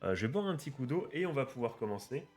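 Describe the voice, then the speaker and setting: An excitable man talking straight to his viewers as he rips open card packs, mid-pitched and prone to cheerful swearing. His chat is loose and rambling. Soft music plays faintly underneath. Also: fast. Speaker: card-opening YouTuber. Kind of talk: casual unboxing commentary. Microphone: webcam setup at a desk.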